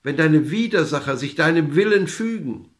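A man's voice: on the high side, animated, moderate pace, pitched above the performer's own voice, close to an everyday voice. A man voicing a very old peasant woman in a fairy tale, earnest and reassuring. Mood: instructing.

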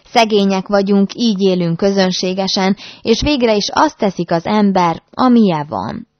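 A woman voicing an old country nobleman who plays host, gruff and mock-modest. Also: medium pitch, no echo, lightly acted. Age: older. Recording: dull dry recording.

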